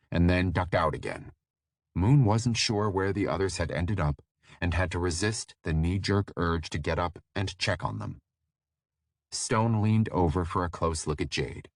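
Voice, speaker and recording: A man narrating a fantasy audiobook in a steady, measured storytelling voice. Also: low-pitched, no echo, studio quality.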